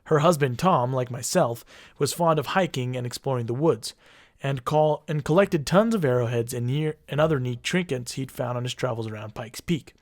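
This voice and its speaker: A man's voice: mid-range voice, normal speed, no room sound. A man co-hosting a podcast, narrating a creepy story with dry jokes. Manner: wry, deadpan jokes. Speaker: podcast co-host. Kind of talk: casual storytelling.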